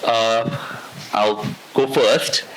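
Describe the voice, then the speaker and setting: A man's voice: lowish voice, fairly even intonation, extremely slow, background noise. A man, a novelist speaking on a festival panel. He answers thoughtfully and at length, and often restarts his sentences. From India. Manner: thoughtful, discursive, with frequent restarts.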